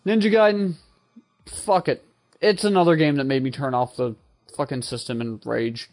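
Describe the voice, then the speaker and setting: A man's voice: a little high, fairly even intonation, moderate pace, a little mellow, faint music behind. A man co-hosting a gaming show in casual banter, joking and ranting with plenty of swearing. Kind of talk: casual video game banter.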